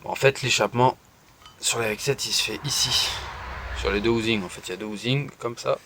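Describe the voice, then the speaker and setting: A man films his car in a garage on a handheld phone, talking casually and stopping often with fillers. The recording carries a clear hiss of background noise. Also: mid-range voice, a little fast. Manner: chatty, hesitant with many fillers, pointing things out. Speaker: car enthusiast showing his car.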